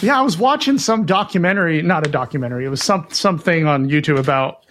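A man's voice: on the high side, animated, fast, fairly bright tone, slight background noise. A man co-hosting a retro gaming podcast, chatting in an upbeat way with frequent restarts. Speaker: podcast co-host. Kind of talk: casual chat.

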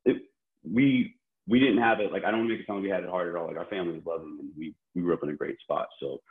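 Here a man born in Korea chats as a guest in a relaxed interview, rambling and restarting often and leaning heavily on "like." He speaks quickly in a low pitch with fairly even intonation, and the line sounds tinny, like a phone.

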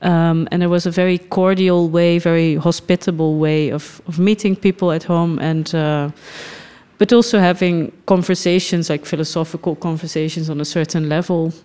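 Frequent pauses and soft laughter mark the thoughtful speech of a middle-aged Dutch woman, a film festival director, in a podcast interview. Her pitch is fairly low, her intonation fairly even, and her tone clean.

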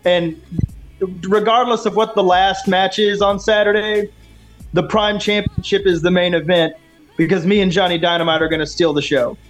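A man with a high-pitched voice talks as a pro wrestler in a casual interview. He sounds earnest and sure of himself, with faint music behind him. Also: fairly even intonation, moderate pace. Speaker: professional wrestler being interviewed. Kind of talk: casual interview talk with confident self-promotion.

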